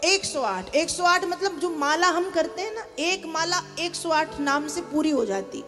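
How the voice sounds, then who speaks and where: Unhurried but animated, a high-voiced woman preaches as a devotional storyteller in a large hall with a live audience, urging people to chant and clap. The recording has long hall reverb and faint music underneath.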